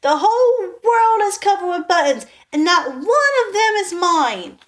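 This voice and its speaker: A woman reading aloud voices a cranky male toad who loudly insists on things. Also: high-pitched, big pitch swings, a little slow. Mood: furious. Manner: loud, indignant insisting.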